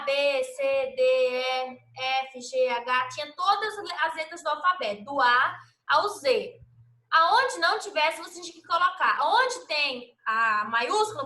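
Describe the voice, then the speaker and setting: A woman teacher from Brazil giving a recorded lesson to young children, patient and sing-song, spelling out letters and syllables slowly. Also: high-pitched, pushed and bright, echoey room. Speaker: primary school teacher.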